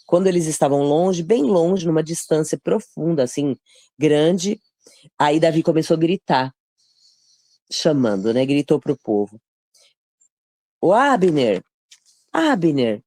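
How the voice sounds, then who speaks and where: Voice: mid-range voice, mellow, no echo, clean studio sound. A study leader explaining a chapter conversationally, step by step, often checking in with listeners. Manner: conversational, explains step by step, frequent tag questions. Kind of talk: casual Bible teaching.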